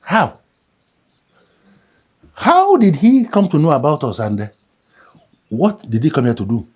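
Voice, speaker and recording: Nigerian male selfish, affronted man for film drama: husky, halting, challenging, with widely swinging pitch. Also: wildly swooping pitch, heavily acted. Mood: wary. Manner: halting, incredulous questioning.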